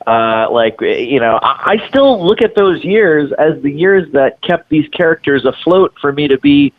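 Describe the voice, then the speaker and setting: A man's voice: fairly high pitch, lively intonation. 30s guy, voice actor guest, lots of uhs and you knows, phone line sound. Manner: halting, with many fillers. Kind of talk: casual interview talk.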